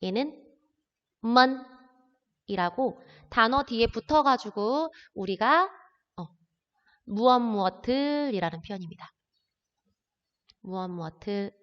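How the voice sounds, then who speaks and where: Taking it slowly and pausing often, a woman with a fairly high, animated voice teaches a beginner language class, explaining each word patiently in steps. The recorded lesson has dull lo-fi sound and long reverb.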